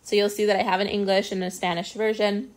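Woman speech therapist talking thru app setup, casual, lots of ums, mid pitch, just plain talking. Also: level tone, fast. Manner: casual step-by-step explaining with frequent ums. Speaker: speech-language pathologist. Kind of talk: screen-recorded software tutorial.

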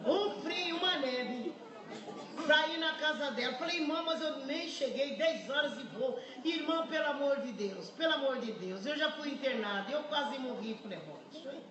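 A woman in her seventies from Brazil with a Brazilian Portuguese accent, giving an emotional church testimony in a lively, humorous storytelling manner. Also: sits high, normal speed. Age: 70s. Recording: echoey hall, distant mic, noisy.

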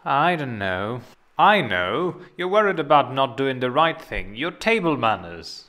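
Guy playing a young man schooling his kid self, earnest, bright voice. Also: mid-range voice, sing-song, measured pace. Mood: persuasive. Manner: earnest, persuasive, lecturing. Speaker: instructional film character. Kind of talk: dubbed instructional film acting.

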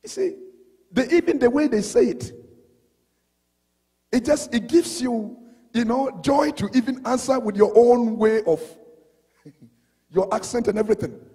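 A man's voice: very high voice, a little slow, long pauses, mellow, slightly rough, in a large hall. A male pastor preaching an emphatic sermon, reading scripture and repeating key words for effect.

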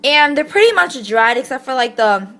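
A woman's voice: sits high, very animated, normal speed, fairly bright tone. A teenage girl chatting casually in a daily vlog, rambling with lots of filler words. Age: teens. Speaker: vlogger.

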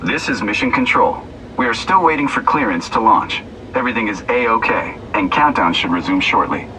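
A man voicing a calm mission control officer, heard as a sci-fi communicator over a ride cabin speaker, making measured official announcements. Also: fairly low pitch. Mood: steady. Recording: distant ride speaker with clear cabin noise.

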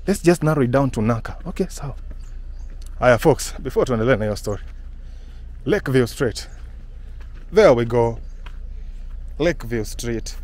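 A man's voice: mid-range voice, moderate pace, long pauses. A man with a Kenyan accent, talking casually and laughing often while he walks a residential street and films on a phone. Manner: lively, mixes English and Swahili, laughs often. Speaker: vlogger and house-hunting guide. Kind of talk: casual walking vlog.

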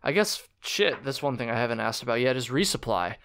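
A young man hosting a podcast, chatting casually in a relaxed, slangy way. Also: medium pitch, a little fast, gravelly, clean tone. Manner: relaxed, slangy, laughs easily. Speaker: podcast host. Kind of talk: casual interview chat.

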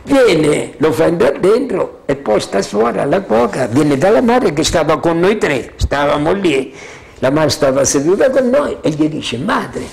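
A man's voice: on the high side, a little slow, vocal fry. An older man telling his memories in a loose, rambling way, often checking that listeners follow. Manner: freewheeling, keeps asking "capito?"; animated storyteller, chuckles often. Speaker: witness sharing memories. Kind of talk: rambling spoken recollection.

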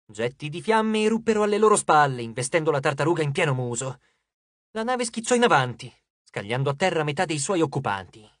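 An audiobook narrator giving a lively, dramatic scripted reading on a close studio mic. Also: medium pitch, fairly quick, dry recording.

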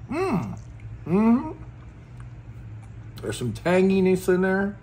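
With a high, slightly mellow voice, huge pitch swings and drawn-out words, a man chats through a casual food review at a restaurant table. He's folksy and laughs between bites. Faint background noise from the dining room is audible.

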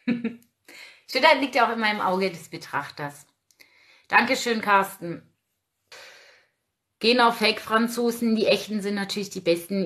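A woman's voice: medium pitch, a bit bright. A woman in her forties hosting a casual livestream, outspoken and ranting while reading out viewer comments. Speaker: livestream host.

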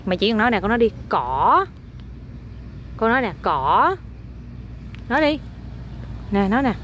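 Talking very fast in a fairly high-pitched voice, a mother films her toddler outdoors and chats with them casually. Her coaxing is playful and repetitive, and the clip carries faint outdoor noise.

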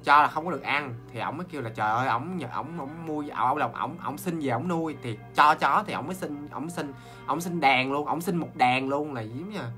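A man's voice: fairly high pitch, faint music behind. Chatty Southern Vietnamese man telling ghost tales. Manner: animated, talks straight to viewers, quick asides and laughs. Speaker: ghost story host. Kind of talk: chatty livestream storytelling.

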